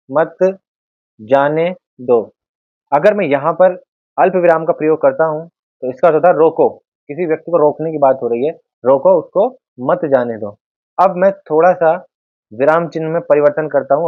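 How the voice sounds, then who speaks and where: A man gives a patient grammar lesson, walking viewers through examples as if they were friends. His fairly high voice sounds dry and thin, like it is coming down a phone line. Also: dry recording. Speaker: Hindi grammar teacher. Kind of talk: explanatory lesson over slides.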